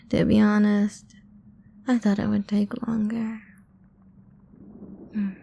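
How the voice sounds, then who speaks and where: In an intimate ASMR roleplay, a woman plays a seductive, domineering ancient vampire queen, speaking mostly in a slow, breathy, husky whisper that teases and commands. Her mid-range voice is mellow and heavily acted, with a taunting mood.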